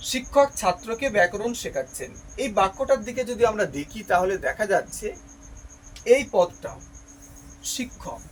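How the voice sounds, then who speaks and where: High-voiced man teaching grammar patiently. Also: very animated, normal speed, slight background noise, poor audio. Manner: patient, explains step by step and repeats key terms; asks questions and answers them himself. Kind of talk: spoken grammar lesson.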